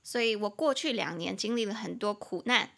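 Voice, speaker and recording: A young woman with a Taiwanese Mandarin accent hosts a podcast English lesson, chatty and playful, slowing down to spell out and drill new words. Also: mid-range voice, vocal fry, fairly bright tone. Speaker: English teacher and podcast host. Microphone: podcast microphone.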